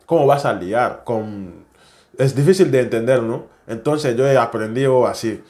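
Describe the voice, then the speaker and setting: A man's voice: mid-range voice, moderate pace. Chatty young man. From West Africa. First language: French. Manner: animated, chatty, non-native Spanish with tag questions. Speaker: vlogger. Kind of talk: casual storytelling to camera.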